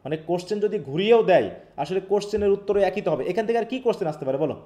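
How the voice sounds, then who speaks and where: Bangladeshi male tutor, quick patient explanations, rather high, mellow voice. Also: animated. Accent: Bangladeshi Bengali. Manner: explains patiently, asks checking questions. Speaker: English teacher. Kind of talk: online live revision class.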